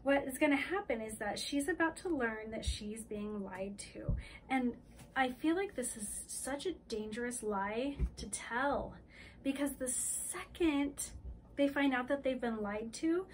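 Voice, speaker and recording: A woman co-hosting a casual podcast with a voice pitched a little high. She retells the story with animated energy and quick dips into character voices. A faint hiss of background noise sits under the recording. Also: poor audio. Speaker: podcast co-host. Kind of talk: casual book-club chat.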